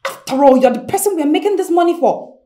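A woman's voice: sits high, expressive, fast talker, dark tone. An actress with a Nigerian accent playing a defiant young woman who confronts the person she works for. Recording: roomy echo.

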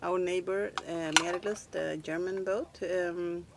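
A woman's voice: lowish voice, fairly even intonation, takes it slowly, heavy background noise. A middle-aged woman from Sweden, Swedish-speaking, chatting in English on a sailboat and asking questions. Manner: questioning, laughs often. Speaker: sailing vlogger. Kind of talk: casual chat. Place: outdoors on a sailboat cockpit. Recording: loud clatter of cutlery and dishes.

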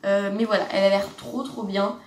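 A French teenage girl vlogs a casual haul from her bedroom, gushing away with fillers and restarts in a medium-pitched, steady voice at a fairly quick pace. The camera sits across the room, so the sound is distant, roomy and noisy.

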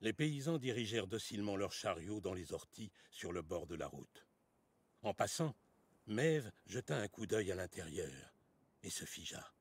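A storybook-style narrator for a fantasy video game. His very deep, husky voice tells the tale in a measured, scripted way. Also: sing-song.

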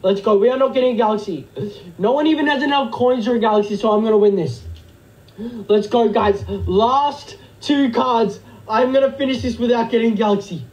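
A man's voice: very high voice, fairly quick, darkish tone, low-quality recording. A young man doing a comedic livestream skit, frantic and pleading, repeating himself over and over. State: nervous, shaky hands.

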